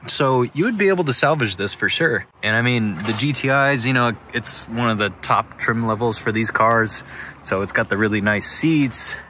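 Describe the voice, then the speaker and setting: A man's voice: mid-range voice, moderate pace, bright, forceful tone. Young male vlog host, enthusiastic, selfie phone mic, light background noise. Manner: enthusiastic, chatty, thinking aloud. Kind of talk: casual walkaround vlog. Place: inside a parked car, then outdoors at an auction lot. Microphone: phone held at arm's length.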